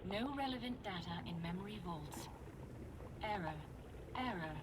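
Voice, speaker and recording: A woman voicing a cold female analysis machine in a game, a glitching robot voice that speaks in flat, clipped announcements and breaks off into errors. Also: fairly low pitch, unhurried, very noisy. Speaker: oracle machine in a video game.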